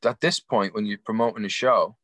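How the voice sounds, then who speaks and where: A man, talking loosely and telling stories over a video call. His voice sits fairly low and sounds dry and close, with no room around it. He swears freely and jumps from one story to the next. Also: steady tone, fairly quick, fairly bright tone, dry recording. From England. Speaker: show promoter on a video call. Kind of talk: casual chat.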